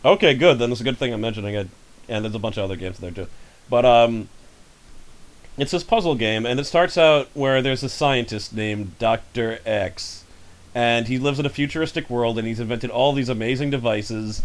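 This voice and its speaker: A man hosting a casual podcast over a voice call, telling rambling, animated stories. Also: mid-range voice, normal speed. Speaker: podcast host. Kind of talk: casual chat. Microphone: home microphone over a voice call.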